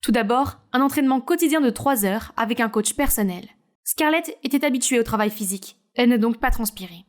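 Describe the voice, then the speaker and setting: A woman narrates a short drama story in a high voice. Her delivery is smooth and even, as scripted storytelling. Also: fairly quick.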